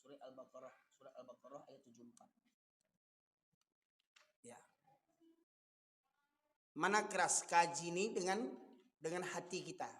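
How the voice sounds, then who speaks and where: Forceful male preacher, Minangkabau accent, fiery rhetorical delivery, long hall reverb. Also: a little high, animated, normal speed, pauses often, a little hiss or hum. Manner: forceful, rises to shouting, fires rhetorical questions. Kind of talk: fiery sermon.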